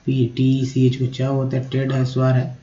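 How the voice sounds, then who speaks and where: A male teacher walks through English vowel sounds letter by letter, often checking in with his listeners. His voice is deep and very mellow. The recording sounds dull and muffled. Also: completely flat delivery, a little slow. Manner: explains letter by letter, repeating sounds and asking "है ना?". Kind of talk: Hindi-language phonics lesson.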